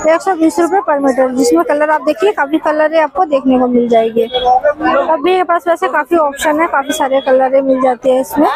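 A woman's voice: high-pitched, moderate pace, poor audio. A woman with a Delhi Hindi accent, chatting casually as she walks through a crowded outdoor street market and calls out prices to sellers. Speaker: vlogger. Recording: busy street crowd and traffic noise.

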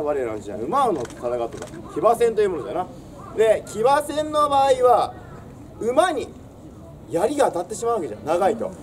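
Projecting in old samurai speech, a young adult man performs a theatrical history lesson as a swaggering, declamatory storyteller in front of a castle stone wall outdoors. His voice is high with a darkish tone. He's recorded far from the mic among crowd, birds and traffic.

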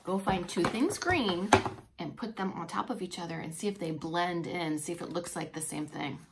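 Heavy background noise surrounds a fairly low-pitched woman speaking at a normal speed. She's a preschool teacher in about her forties, reading a picture book expressively to little children and stopping to explain words. They're in a small room with a bookshelf and whiteboard.

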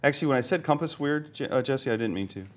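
A man speaks from a conference stage, his voice at an everyday middle pitch. He jokes with the crowd and pokes fun at himself as he types commands. He narrates each step of his live demo out loud. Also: animated, quick pace. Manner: joking, self-deprecating, thinks aloud while demoing. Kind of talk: live tech talk demo. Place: conference hall with live audience.

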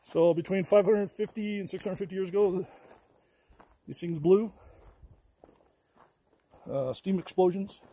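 On a hiking trail outdoors, a man hosts a travel vlog, rambling easily and filling his talk with fillers, all caught on a camera mic. His voice is high and dark, slightly rough, moving at a measured pace with long pauses.

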